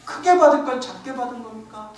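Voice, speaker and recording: A male monk voicing a timid young attendant monk who speaks in a hushed, deferential way. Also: very high voice, fairly quick. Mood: awed. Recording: echoey hall, distant mic.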